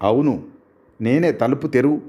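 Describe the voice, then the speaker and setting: Story audiobook: a man voicing a frantic, hungry male friend on the run, unhurried. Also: mid-range voice, lively intonation, mellow, husky. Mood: urgent. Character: distraught hungry male friend fleeing at night.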